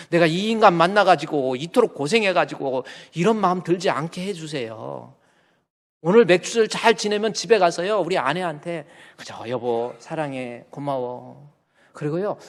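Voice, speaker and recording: A male pastor in his fifties giving a folksy, animated sermon, acting out stories from family life. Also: on the high side. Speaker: senior pastor. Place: church sanctuary. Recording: church hall reverb.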